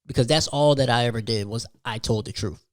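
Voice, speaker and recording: A podcast host tells a personal story in a casual, slangy rant, his medium-pitched voice moving briskly. He's emphatic, leaning hard on repeated phrases and rhetorical questions.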